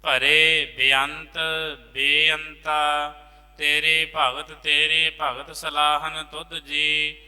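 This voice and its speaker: A man teaching scripture recitation, singing the verses slowly and then quickly explaining how to pronounce them in a lower voice. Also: level tone, bright, forceful tone, clean tone. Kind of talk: chanted scripture recitation lesson. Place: large temple hall. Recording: long reverb of a large hall.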